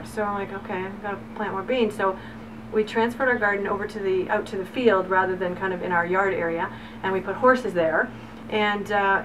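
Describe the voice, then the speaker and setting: A middle-aged woman who owns a farm, telling the story of her farm in a chatty, enthusiastic interview with lots of fillers. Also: mid-range voice. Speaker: farm owner. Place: outdoors on a farm. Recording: distant mic with background noise.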